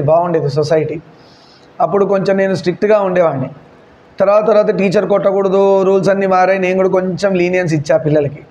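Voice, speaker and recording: A middle-aged man with a high voice teaches a classroom, drawing out his explanations slowly and pausing to stress what students should remember. The sound is dull and lo-fi, with faint noise of the room behind him. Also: a little mellow. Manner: slow, deliberate explaining with digressions and reminders to remember. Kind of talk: classroom storytelling lesson.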